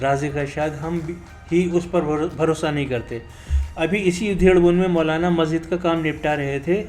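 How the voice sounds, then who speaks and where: Male storyteller, steady and earnest, slightly high; soft music bed. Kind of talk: scripted motivational narration. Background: faint music.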